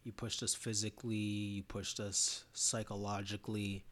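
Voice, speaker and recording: A man's voice: on the low side, moderate pace. A man hosting a podcast, telling stories in a casual conversation and acting out quoted lines with laughter. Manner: animated storyteller, acts out quotes with laughter. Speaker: podcast host.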